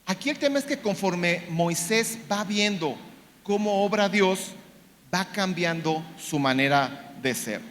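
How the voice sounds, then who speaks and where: A man's voice: sits high, expressive, a little slow, fairly bright tone. A man preaching a sermon, retelling a story with acted-out quotes, many fillers and repeated words. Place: church. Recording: long church reverb.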